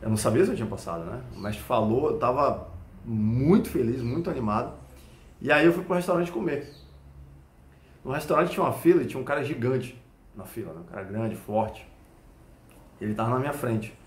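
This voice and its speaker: A Brazilian Portuguese-accented man, a Krav Maga instructor, explains self-defense through a lively personal anecdote. He keeps pausing to check that the listener understands. His mid-pitched voice carries a noticeable room echo. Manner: animated storytelling with frequent checking questions. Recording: echoey room.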